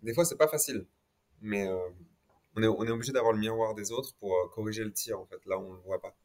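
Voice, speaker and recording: Talking fast in a fairly low, darkish voice, a male interview guest reflects conversationally on his experience. He speaks French but drops in the odd English word.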